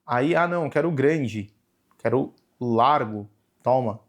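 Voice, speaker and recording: Speaking slowly and with a relaxed air, this young man with a Brazilian Portuguese accent explains a camera's menu one step at a time, dropping frequent "né" and "tá" along the way. His male voice sits in the mid range, and the laid-back tutorial was captured with a camera mic.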